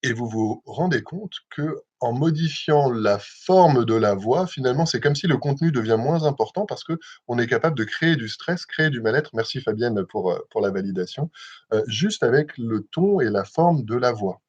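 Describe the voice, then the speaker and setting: A young man hosting a live self-hypnosis session, talking gently and calmly with frequent hesitations, over a livestream mic. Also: mid-range voice, breathy edge. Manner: gentle, measured, with many hesitations. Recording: dull lo-fi livestream audio.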